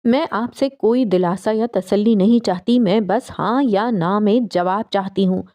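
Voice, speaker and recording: A woman voicing an enraged young woman who shouts and bites out her words at her mother. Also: mid-range voice, no echo, lightly acted. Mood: furious. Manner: shouting, then cold and biting.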